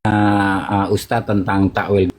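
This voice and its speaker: Man, hesitant questioner, drawn-out fillers, voice call, faint background noise. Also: lowish voice, little pitch movement. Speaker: questioner in an online discussion. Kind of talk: casual online voice-call discussion.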